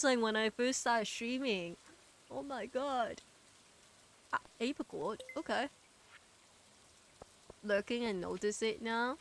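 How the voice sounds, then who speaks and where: A woman's voice: a little high, a bit bright, slight background noise. A woman chatting casually on a game livestream as the streamer, rambling with lots of fillers, trailing off and restarting as she talks to chat.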